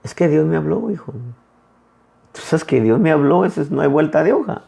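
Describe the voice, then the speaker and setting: Male pastor, conversational sermon, animated pitch, gravelly tone. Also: fairly quick. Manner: conversational preaching, addresses listeners as brother; retells dialogues in lively quoted voices.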